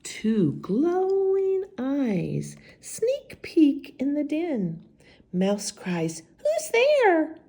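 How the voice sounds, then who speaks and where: A woman's voice: sits high, sing-song, drawn-out words, warm tone. A woman reading a picture book aloud for children in a theatrical way, with whispered asides and stretched-out refrains. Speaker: children's story time reader.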